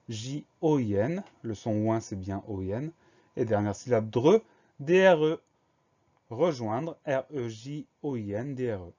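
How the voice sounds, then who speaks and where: A man's voice: medium pitch, dark tone, highs cut off. A male teacher giving a spelling dictation lesson, breaking words into syllables and spelling them out letter by letter.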